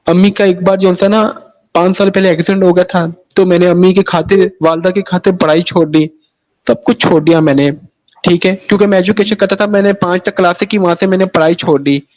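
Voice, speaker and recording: A high, slightly mellow male voice on a rough recording belongs to a Pakistani man sharing his personal story in an interview. He is rambling, often starting phrases over and saying "sahi hai na" repeatedly.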